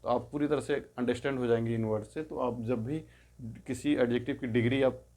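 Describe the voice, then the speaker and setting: A man at an ordinary middle pitch leads a step-by-step grammar lesson. He is patient and unhurried, repeating each word form slowly. He explains in Hindi and says the English forms aloud. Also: fairly even intonation, a little mellow.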